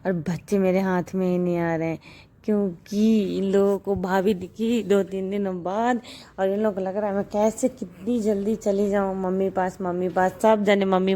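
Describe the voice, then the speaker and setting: A woman's voice: medium pitch, warm tone. A young woman chatting casually through a home vlog, rambling and repeating words as she talks. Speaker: vlogger.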